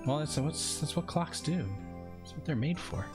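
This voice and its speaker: A man voicing a cheerful, teasing teenage girl in a cute, high girly voice while playing a game. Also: normal speed, over music, close to an everyday voice.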